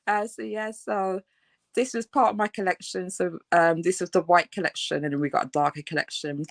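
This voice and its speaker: This Birmingham-accented designer from England, in her thirties, has a gravelly, lowish voice with a steady tone and a slightly quick pace. Chatting casually as an interview guest, she laughs a lot and keeps restarting and saying um, with no room sound on the recording.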